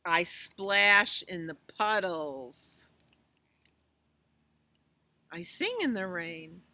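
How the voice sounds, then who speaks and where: The woman leading library storytime reads extremely slowly in a fairly low, animated voice that is bright and forceful. Between pages of the picture book she chats, exclaims and quizzes the children. There is no room sound.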